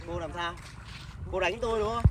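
A cruel, arrogant skeleton voiced by a man for a fan audio drama. He sneers and taunts in a fairly high voice, boastful and mocking about money. The recording is homemade and carries clear background noise. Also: fairly quick, distant mic, lightly acted. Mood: sneering. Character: arrogant rich male skeleton, cruel ex-lover.

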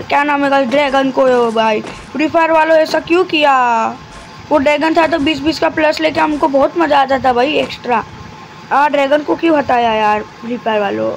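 A man giving live commentary over his mobile game, talking deliberately quiet and chatty, constantly addressing his viewers. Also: very high voice, low-quality recording. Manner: talks deliberately quiet and soft; chatty, keeps addressing viewers as guys and brother.

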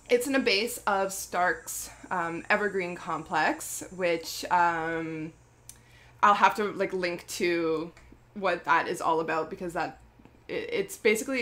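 A woman's voice: fairly low pitch, fairly bright tone. A woman talking casually about her skincare product, chatty and rambling, with lots of fillers and self-corrections. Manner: laughs often mid-sentence. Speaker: skincare brand founder.

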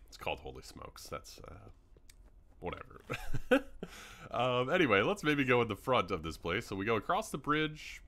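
A young man talks his way through a game world in loose, rambling commentary, dropping ums as he goes. His voice sits a bit low yet swings up and down with plenty of life, and his tone is bright. He sounds a little worn, as though his voice is starting to give out. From Canada. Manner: rambling, chatty, many ums. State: hiccups, voice starting to go. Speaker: gaming YouTuber. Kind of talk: casual gameplay commentary.

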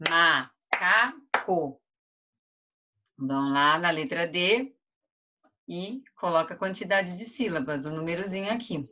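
With a fairly low, pushed, and bright voice, a Brazilian woman teaches first graders online, stretching out each word syllable by syllable. She speaks with a Brazilian Portuguese accent in this lesson for young children.

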